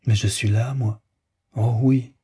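Guy reading a lovesick young gent in an audiobook, earnest and pleading, dark breathy voice. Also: mid-range voice, fairly even intonation, slow pace. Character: lovesick, tormented young gentleman.

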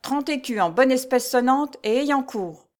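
A woman's voice: high-pitched, animated, a little slow, voice pushed up. A woman playing a blustering little steward. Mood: haughty. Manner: loud, barking, peremptory. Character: short, blustering male steward, harsh. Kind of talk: storybook reading.

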